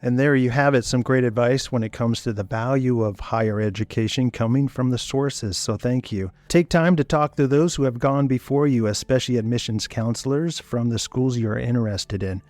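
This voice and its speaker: A man, the podcast host, wrapping up the episode in a friendly, measured way. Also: mid-range voice, darkish tone, dry recording. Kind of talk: scripted show outro.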